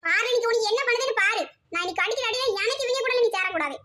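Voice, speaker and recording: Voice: very high-pitched, very fast. A performer voicing a quarrelsome village mother with a Tirunelveli Tamil accent, who scolds her son and snaps at her neighbour. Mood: scolding. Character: sharp-tongued village mother. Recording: loud background noise.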